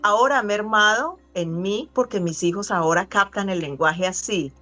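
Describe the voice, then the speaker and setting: A middle-aged woman speaking as an interview guest, earnest and reflective, pausing and restarting as she thinks. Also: medium pitch, pushed and bright, faint music behind. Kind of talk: conversational interview.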